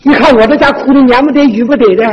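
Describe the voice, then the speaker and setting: A performer playing a sharp-tongued, bossy older village godmother in a comic folk stage duet, with a Northeastern Mandarin accent and a brash, scolding, gossipy way of telling stories. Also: high voice, very fast, lightly acted. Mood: scolding gossip. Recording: echoey stage, dull lo-fi sound, faint hiss.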